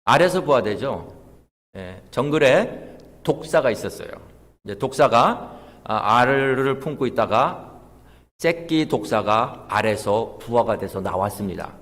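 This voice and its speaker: A man's voice: mid-range voice, animated, a little slow, a bit bright. A man preaching in a reverberant church. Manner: storytelling, emphatic build-ups. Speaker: pastor. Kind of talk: sermon. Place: church sanctuary. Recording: long church hall reverb.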